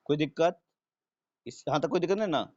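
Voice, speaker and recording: A man's voice: fairly high pitch, brisk, a little mellow. A man teaching a live online class, who keeps asking his students if they follow and repeats his own questions. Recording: dull lo-fi stream audio.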